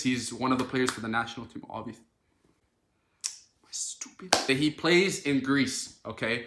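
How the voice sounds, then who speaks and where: A young man from Canada telling an animated, dramatic storytime in a casual vlog. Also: medium pitch, roomy sound, background noise. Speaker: social media creator.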